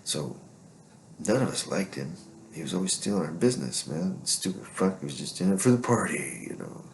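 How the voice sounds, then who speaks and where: A man's voice: low-pitched, expressive, normal speed, gravelly, a little mellow, a little hiss or hum. A man telling stories in a casual monologue, swaggering and profane, rambling with constant fillers.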